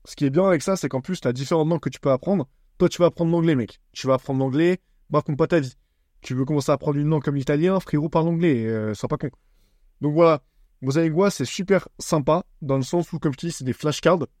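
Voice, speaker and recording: A man's voice: on the high side, fast talker, a little mellow, no echo, studio quality. A young man from France hosting a casual solo podcast, talking bluntly and teasingly in slang, calling the listener bro. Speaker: podcast host.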